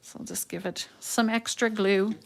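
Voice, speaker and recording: Hosting a craft tutorial live, this woman from the Netherlands is middle-aged and speaks with a Dutch accent. She chats with viewers unhurriedly and pensively, often pausing on "um," in a creaky, medium-pitched voice with fairly even intonation.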